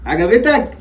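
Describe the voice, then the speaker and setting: A man's voice: very high-pitched, a little hiss or hum, rough recording. A young father with an Egyptian accent playfully coaxing his small children in a family vlog, laughing often. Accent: Egyptian Arabic. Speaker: father and vlogger.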